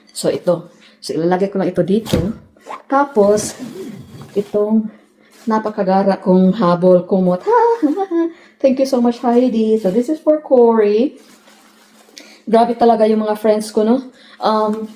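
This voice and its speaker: Casual home vlogger, woman from the Philippines, middle-aged, mellow tone, roomy echo. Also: medium pitch. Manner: chatty, joking, mixes Tagalog and English. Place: house interior, new home. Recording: echoey room.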